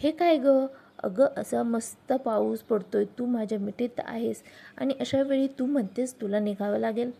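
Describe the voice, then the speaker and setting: A woman's voice: a little high, slow, gravelly, warm tone, heavily acted. A woman voicing a teasing young lover.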